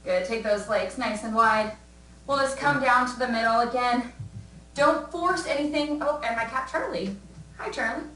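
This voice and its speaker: Young female fitness instructor, winded, upbeat coaching cues; slightly high voice, roomy distant mic. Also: moderate pace, sharp tone. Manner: upbeat encouraging coaching, counting down. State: out of breath. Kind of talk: live fitness class cues. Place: room at home. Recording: echoey room, mic at a distance.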